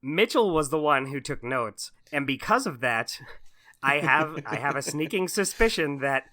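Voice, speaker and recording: A man with a fairly high, bright and forward voice speaks. He chats casually and jokingly as a podcast co-host. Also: expressive, normal speed.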